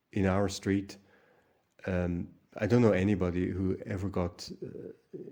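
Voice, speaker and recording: A man with a lowish, mellow voice talks to camera for his own channel. He rambles and starts over often, with plenty of ums and uhs. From Hungary. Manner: rambling, many fillers and restarts. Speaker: channel host. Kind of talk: casual monologue vlog.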